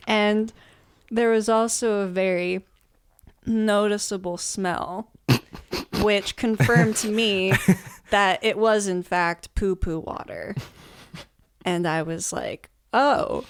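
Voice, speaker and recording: A woman's voice: mid-range voice, clear, resonant tone. A woman musician telling a story in a casual interview, laughing often and rambling with fillers. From United States. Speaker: musician guest.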